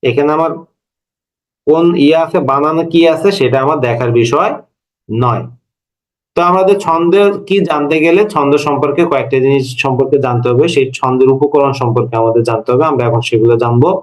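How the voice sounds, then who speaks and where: A man in his thirties gives a classroom lecture at an ordinary mid pitch. He explains each point step by step, stops to quiz his students, and then answers his own questions. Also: fairly quick, low-quality recording. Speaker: Bengali language lecturer.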